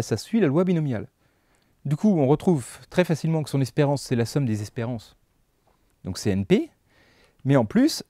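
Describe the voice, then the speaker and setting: A man's voice: mid-range voice, warm tone, no echo, clean studio sound. A man teaching a math lesson over slides, casual and chatty, thinking aloud with fillers and little jokes.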